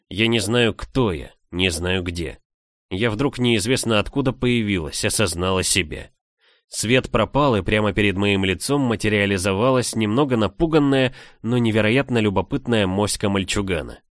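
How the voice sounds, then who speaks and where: A man narrating a first-person audiobook in a calm, even reading manner. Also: lowish voice, moderate pace, no room sound, studio quality. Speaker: audiobook reader.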